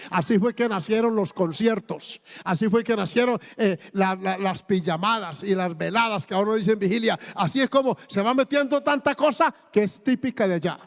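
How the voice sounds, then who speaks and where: A man in his fifties with a Colombian accent, preaching a sermon emphatically, with exclamations and repeated words. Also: high voice. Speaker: pastor. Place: church hall. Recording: long reverb of a church hall.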